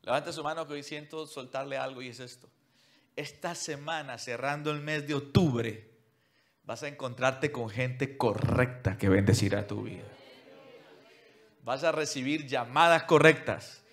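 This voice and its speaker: A man preaching a sermon as pastor, swinging from loud emphatic calls to near-whispers and addressing listeners directly with repeated commands. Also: medium pitch, a little slow. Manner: mocks what churchgoers say in a whiny put-on voice.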